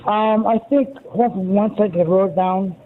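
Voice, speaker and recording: Guy calling in on a muffled bluetooth speaker, tinny and far off, highish voice. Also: normal speed, a little hiss or hum. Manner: hesitant, searching his notes. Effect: muffled phone call on speaker or headset, not into the handset. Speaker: radio caller. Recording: muffled, tinny phone line from afar.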